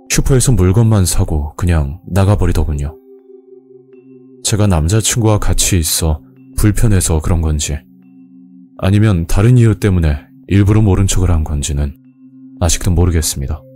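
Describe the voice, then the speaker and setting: A man's voice: low voice, normal speed, dark tone, faint music behind. A man narrating a scripted first-person horror story.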